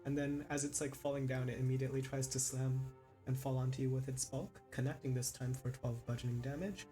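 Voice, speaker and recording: A man narrating and ruling as game master of a tabletop game, in a relaxed, easygoing manner. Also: mid-range voice, a little fast, faint music behind.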